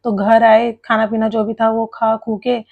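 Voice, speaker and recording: A woman's voice: fairly high pitch, little pitch movement, unhurried, phone-quality sound. Chatty young Indian woman vlogging. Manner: chatty, confiding, rambling. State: sleepy. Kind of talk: casual vlog narration.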